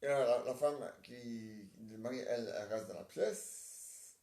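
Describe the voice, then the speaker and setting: A man acting out a comic play and switching between roles, halting and stammering as he repeats his words. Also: medium pitch, dark tone. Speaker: amateur stage performer. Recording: roomy, distant mic.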